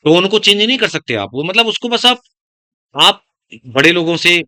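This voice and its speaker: A man's voice: high-pitched, sing-song, moderate pace, sharp tone, no room sound, studio quality. A man teaching biology to students in a classroom, giving life advice with a heavy, stern-sounding voice. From Uttar Pradesh, India. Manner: speaks of his own heavy, stern-sounding voice; addresses students as beta, digresses into life advice. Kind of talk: classroom lecture.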